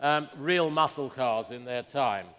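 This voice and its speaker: A man's voice: medium pitch, measured pace, a bit bright. A man working as a fine art auctioneer, calling bids to a saleroom and repeating figures in clipped phrases. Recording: reverberant large hall.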